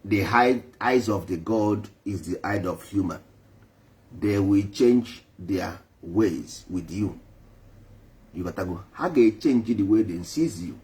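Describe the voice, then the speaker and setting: A slow, low, slightly mellow male voice preaches emphatically to a live online audience. The traditional spiritual speaker repeats his points for force and switches back and forth between English and Igbo.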